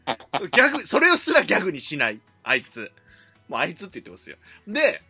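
A man's voice: on the high side, fast talker, slightly rough, faint music behind. A man with a Kansai accent co-hosting a casual comedy podcast, acting out lines as he retells them. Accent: Kansai Japanese. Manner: animated, acts out quoted lines with loud jumps. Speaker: podcast co-host.

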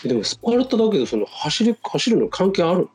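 A man's voice: high-pitched, very animated, quick pace, darkish tone, slightly rough, faint music behind. A man hosting a casual conversation, inquisitive and responsive to the others. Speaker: conversation host. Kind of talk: casual chat.

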